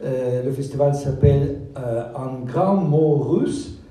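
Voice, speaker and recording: A man's voice: mid-range voice, slow pace, dark tone, far from the mic. Hesitant man in an echoey room. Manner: hesitant, many filler sounds, searching for words. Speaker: guest author. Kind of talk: interview answers.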